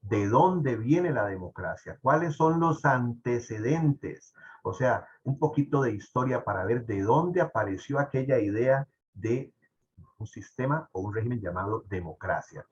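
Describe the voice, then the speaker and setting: A man lectures a civics class in a lively, talkative way, tossing in jokes and constant "¿verdad?" checks. His voice sits at an ordinary male pitch. The recording is dull and lo-fi. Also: measured pace. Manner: animated, asks "¿verdad?" often, jokes with students. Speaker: teacher.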